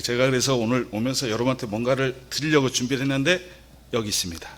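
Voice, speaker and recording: A man giving a sermon as a lay preacher, speaking softly and hesitantly with many fillers. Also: mid-range voice, fast talker.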